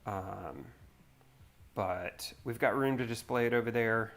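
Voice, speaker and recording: A man's voice: lowish voice, takes it slowly, fairly bright tone. A man from North Carolina hosting a livestream, chatting casually and rambling in a laid-back way as he builds. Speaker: livestream host. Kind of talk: casual chat while building.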